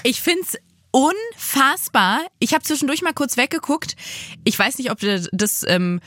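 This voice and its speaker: Excited lady podcast host, kinda high voice, super dry close mic. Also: normal speed, no echo. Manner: enthusiastic, effusive. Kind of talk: casual chat.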